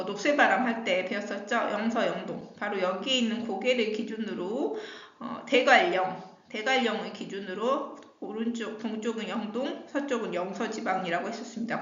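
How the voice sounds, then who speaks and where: A woman teaching high school geography in a recorded lecture, explaining a map and asking and answering her own questions. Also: fairly bright tone. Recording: echoey room, dull lo-fi sound.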